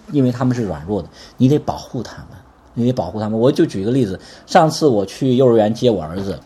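A man preaching a conversational sermon, lively and constantly asking the congregation to answer back. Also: medium pitch, slightly rough.

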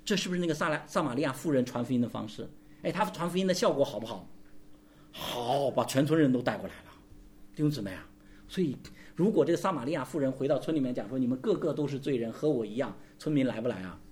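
A man's voice: mid-range voice, animated, fast, a little mellow. A man preaching a sermon as pastor, calling for responses and asking his listeners rhetorical questions.

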